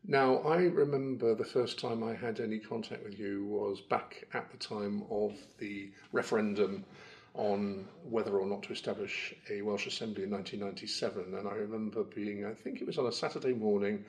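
A man hosting his own interview podcast, asking measured questions. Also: lowish voice, steady tone, a little mellow. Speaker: podcast host and reporter.

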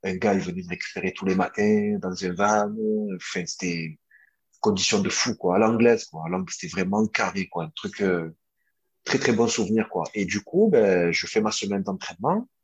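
A young man speaks as an interview guest, telling a story in a loose, chatty way. His voice sits on the low side and sounds slightly husky. He often hesitates and restarts his sentences but keeps the story moving. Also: normal speed, muffled recording. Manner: animated, hesitant with many fillers and restarts. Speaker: interview guest, former footballer.

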